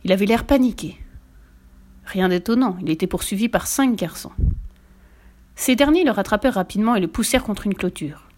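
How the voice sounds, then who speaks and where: A woman's voice: medium pitch, a little fast, pauses often. Woman reading a children's story aloud. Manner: lively, expressive reading.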